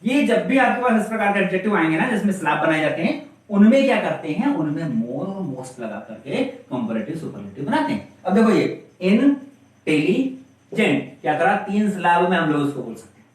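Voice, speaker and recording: A man with a high voice teaches a grammar class. He keeps asking questions and answering them himself. His voice rings around a very echoey room and comes from some distance away from the mic. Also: big pitch swings, a little fast.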